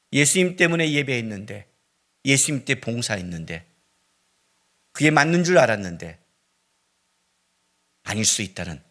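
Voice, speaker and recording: A middle-aged man preaching a sermon as pastor, swinging between loud cries and hushed, near-whispered lines. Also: medium pitch. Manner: dramatic preaching with sudden loud rises and hushed drops.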